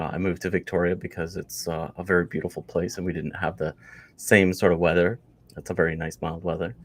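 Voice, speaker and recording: A Canadian man in his forties, a podcast guest, telling his story in a loose, rambling way full of fillers and restarts. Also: low-pitched. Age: 40s. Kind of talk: casual interview chat.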